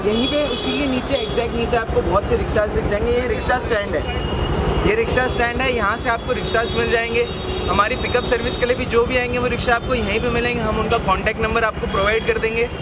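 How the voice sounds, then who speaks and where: Young man guiding viewers on a busy street. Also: very high voice. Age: young adult. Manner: upbeat, explains step by step. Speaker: shop representative giving directions. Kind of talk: promotional walking guide. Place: busy city street outdoors. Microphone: lapel mic. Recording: loud outdoor traffic noise.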